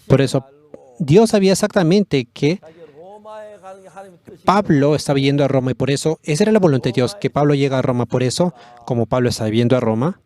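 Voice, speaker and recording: A man preaching a sermon, his voice climbing on the words he wants to stress. He sits at a middle pitch and keeps a fervent, driving delivery, now and then breaking off to restart a phrase. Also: expressive, fairly quick, long pauses, dark tone. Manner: impassioned preaching, voice rising on key words. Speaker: pastor.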